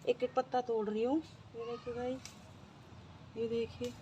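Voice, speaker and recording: A woman's voice: a little high, little pitch movement, normal speed, mellow, lo-fi sound, a little hiss or hum. A woman with a sore throat, chatting through a casual daily-life vlog on a rooftop. She repeats herself and keeps turning to her viewers. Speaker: vlogger. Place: rooftop, outdoors.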